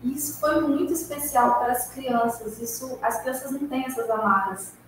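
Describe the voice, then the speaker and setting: A woman's voice: high-pitched, normal speed. A woman in a spiritist study class, earnestly telling her own experience, recorded far off in a hall. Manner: earnest, recounts personal experience. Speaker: class participant. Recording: echoey room from far off, faint hiss.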